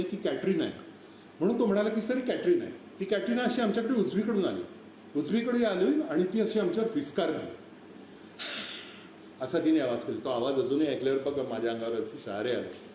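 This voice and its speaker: A man's voice: high-pitched, dark tone. A man from Maharashtra telling vivid wildlife stories on a live stream, acting out animal calls as he goes. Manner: vivid storyteller who imitates animal calls. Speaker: wildlife speaker. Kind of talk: storytelling talk on a live stream. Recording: echoey room, distant mic, faint noise.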